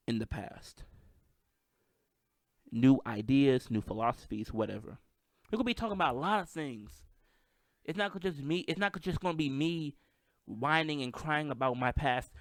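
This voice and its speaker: A man's voice: fairly high pitch, no room sound, clean studio sound. A man with a slight lisp and a stutter, hosting a casual solo podcast, hyped and self-deprecating. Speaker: podcast host. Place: at home with microphone.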